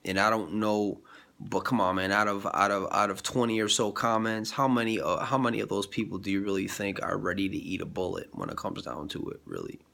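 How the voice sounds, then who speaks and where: Brisk and forceful, a man with a lowish, bright, fry-laced voice rambles through a religious vlog. He's congested and sniffling from a cold, and his talk is full of fillers and restarts.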